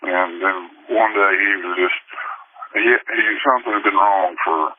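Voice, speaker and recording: An anonymous male witness, his voice electronically disguised and pitched deep, talking haltingly on a phone call with many restarts. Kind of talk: phone interview. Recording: tinny phone line with faint noise.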